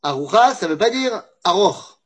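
A male religious teacher gives his lesson through animated storytelling, stumbling and restarting as he goes. His voice sits high and has a husky rasp. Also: moderate pace. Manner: lively storytelling with hesitant restarts. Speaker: Torah teacher.

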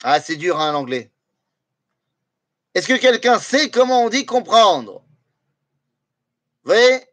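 Lively, high-pitched male Torah teacher. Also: slow, long pauses, dry recording. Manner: lively, asks the audience questions, mixes in Hebrew phrases. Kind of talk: Torah class in French.

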